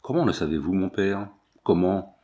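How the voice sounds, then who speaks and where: A man's voice: low voice, animated, moderate pace, mellow, pitched below the performer's own voice. A man reading aloud, voicing a cold and evasive young man who feigns surprise in guarded replies.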